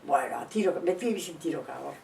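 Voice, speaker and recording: An older woman with a Basque accent, an interviewee telling animated memories and switching between two languages. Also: deep voice, brisk, gravelly, reverberant, recorded from a distance, rough recording. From Basque Country. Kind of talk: oral history recollection.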